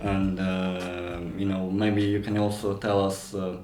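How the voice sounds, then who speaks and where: A man's voice: low voice, little pitch movement, slow, a little mellow. A man interviewing someone, asking long questions in a hesitant, wordy and roundabout way. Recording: roomy echo, music behind.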